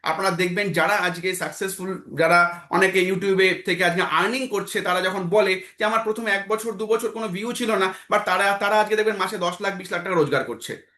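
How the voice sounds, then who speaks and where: Male trainer, high and bright, motivational talk in an echoey room. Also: fairly even intonation, fairly quick. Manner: exhorting, repeats phrases, asks himself questions then answers. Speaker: trainer leading an online team meeting.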